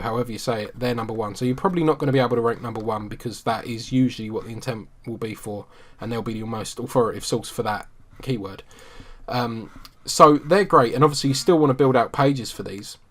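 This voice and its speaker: A man from the UK, teaching a screen-share marketing tutorial in a relaxed, conversational way with frequent ums. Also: mid-range voice. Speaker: SEO marketing instructor.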